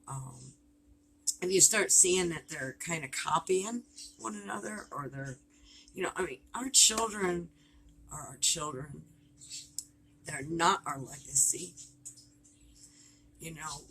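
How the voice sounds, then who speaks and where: A woman's voice: low-pitched, fairly bright tone, slight background noise, low-quality recording. An older woman, a life coach, giving a casual motivational talk in a rambling, folksy way, peppering her speech with "you know".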